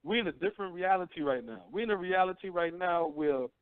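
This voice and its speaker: A man's voice: high voice, animated, fast talker, clear, resonant tone, dry recording. A man in his thirties hosting a call-in radio show, talking bluntly and profanely, preaching and often asking "you know what I'm saying.". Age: 30s. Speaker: radio host. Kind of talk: casual call-in radio talk. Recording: tinny phone-line audio.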